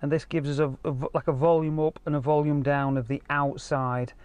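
Speaking as a car audio installer, this man gives a relaxed explanatory walkthrough in a car park and inside a car. His voice is on the high side, a little mellow, brisk and flat. The handheld-camera audio has no echo and sounds dull, though he is clear over the ambient noise.

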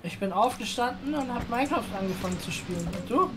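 A woman's voice: on the high side, expressive, fast talker, over music. Easygoing woman in her late twenties. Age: late 20s. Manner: friendly, easygoing, adds tag questions. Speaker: fellow streamer. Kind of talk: casual chat on a voice call.

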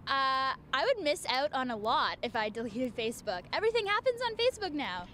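A young female student giving brisk, light answers to a street interview outdoors. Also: high voice, sing-song, pushed and bright, slight background noise. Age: young adult. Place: outdoors on campus.

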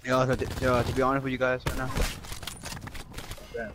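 A man's voice: mid-range voice, monotone, normal speed, music in the background. A young man on a headset teasing his friends while gaming. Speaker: gamer. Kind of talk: casual gaming chat with friends. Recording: loud gunfire and game noise behind.

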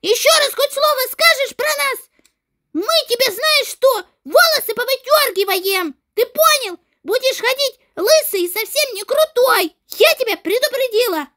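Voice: very high voice, big pitch swings, normal speed, a bit bright, voice pushed up, exaggerated voice. A performer voicing a schoolgirl who scolds and threatens a bully in a game role-play. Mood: threatening. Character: fierce schoolgirl defending her classmates.

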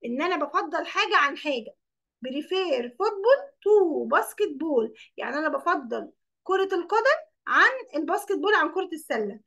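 In a classroom lesson, a woman with an Egyptian Arabic accent teaches English words, explaining each one in Arabic and constantly questioning her pupils. Her high, gravelly voice is bright and forceful, with lively intonation and a quick pace.

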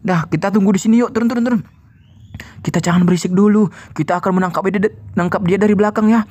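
Excitable high-voiced man leading a role-play. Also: quick pace. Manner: excitable, bossy, urging others on. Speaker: role-play leader voicing characters. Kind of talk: game role-play voice acting.

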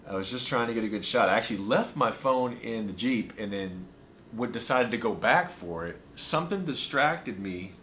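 A young man chatting casually in a travel vlog, describing food and his day in a relaxed, enthusiastic way. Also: on the low side, normal speed, a little hiss or hum. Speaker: vlogger. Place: hotel room and small restaurant.

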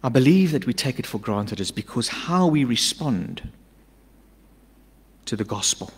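Middle-aged pastor preaching, lively, reverberant hall. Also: male voice, medium pitch, unhurried, slightly rough. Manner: emphatic, swings between loud urgent lines and hushed asides. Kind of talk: sermon. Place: church stage. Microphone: stand mic at a pulpit. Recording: long church-hall reverb.

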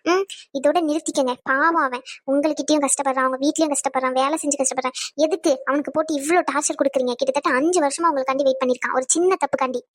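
Woman doing a sharp-tongued cartoon girl, very high, dry close sound. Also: fairly even intonation, very fast, no room sound, lightly acted. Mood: scolding. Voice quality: sharp, scolding, teasing. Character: young woman Priya, blunt, scolding best friend. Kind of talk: cartoon voice acting.

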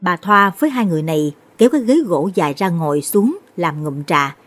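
A woman narrating a late-night Buddhist ghost story in a steady, measured way. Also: on the low side.

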